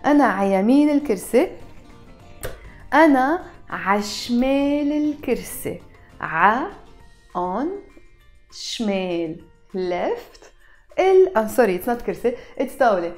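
A woman teaching a language lesson, saying each phrase carefully and then repeating it faster. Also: on the high side, big pitch swings, soft background music.

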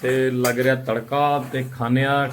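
A man's voice: medium pitch, level tone, unhurried. A man hosts a casual family vlog, chatting and politely addressing viewers. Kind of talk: casual home vlog chat. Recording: home vlog with busy background chatter.

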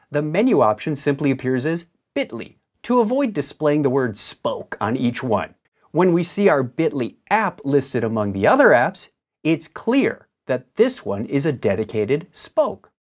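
A man in his fifties with a fairly high-pitched voice gives scripted software instruction. His presenter's delivery is clear, emphatic and didactic.

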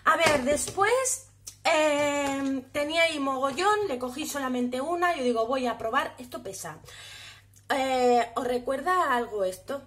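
High-voiced chatty Spanish woman showing makeup. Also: a little slow, a bit bright, slight background noise. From Spain. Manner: chatty, often asks viewers to look. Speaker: beauty vlogger. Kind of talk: casual haul video.

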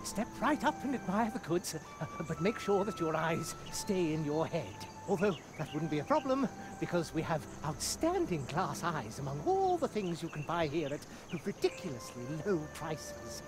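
An aging mouse shopkeeper for a video game, as hammy as a stage actor. His grandiose patter swoops widely and trips over itself, with music clearly playing behind him. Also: a little high, big pitch swings, normal speed, few pauses, low-quality recording. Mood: showy, salesmanlike. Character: theatrical aging mouse merchant, chatty doting father. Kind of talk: video game character acting.

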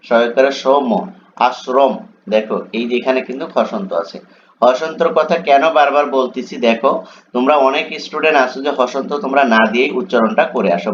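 Man spelling out words for students. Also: medium pitch. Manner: spells out words letter by letter, often asks "right?". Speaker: teacher. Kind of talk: exam coaching lesson. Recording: dull lo-fi sound with faint background noise.

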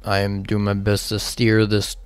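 A man's voice: lowish voice, monotone, a little slow, smooth, no echo. A man giving casual, rambling let's play commentary, swearing often and talking to himself as he plays. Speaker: gaming channel host.

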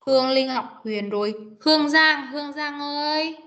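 A woman's voice: high-pitched, normal speed, fairly bright tone. A woman teaching an online class, patiently coaching young students on pronunciation and modelling each sound again and again over a video call. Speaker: English teacher. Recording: dull muffled video call audio.

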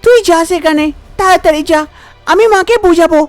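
A woman's voice: extremely high pitch, brisk, soft background music. A woman voicing a caring younger sister in a cartoon, concerned and urgent.

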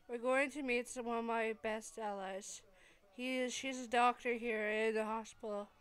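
A woman voicing a pushy, friendly adult woman who plays matchmaker, with halting, insistent delivery in an amateur fan-fiction reading. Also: fairly high pitch, fairly even intonation, fairly bright tone, smooth. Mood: urging.

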